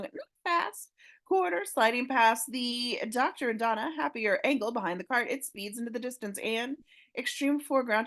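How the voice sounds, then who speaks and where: A woman narrating the action descriptions of a fan audio drama script, reading at a paced rhythm with pauses. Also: on the high side, fairly bright tone. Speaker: narrator of stage directions.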